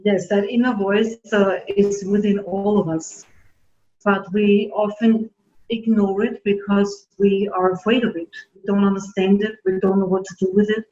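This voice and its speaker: A middle-aged woman from Germany, raised in Austria, telling her story in an interview, earnest and halting with many fillers. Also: medium pitch, a little mellow, slight background noise. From born in Germany, grew up in Austria. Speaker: naturopathic doctor, guest. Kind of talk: casual interview talk. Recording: dull roomy audio.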